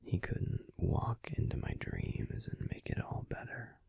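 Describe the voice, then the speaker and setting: Playing a tender but grumpy werewolf boyfriend for an intimate sleep-aid audio roleplay, a man confides casually in an unhurried, breathy, husky whisper. It's lightly acted with a darkish tone, captured dry on a close microphone.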